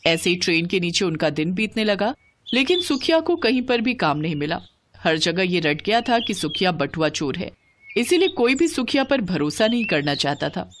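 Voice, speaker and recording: A woman narrating a scripted children's moral story in an expressive storytelling manner. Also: lowish voice, moderate pace, slight background noise.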